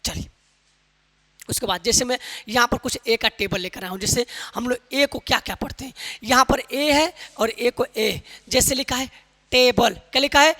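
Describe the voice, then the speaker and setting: A man's voice: very high voice, normal speed, sharp tone. A man from Uttar Pradesh teaching an English lesson. He drills pronunciation with repeated questions and calls his listeners brother. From Uttar Pradesh, India. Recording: long hall reverb.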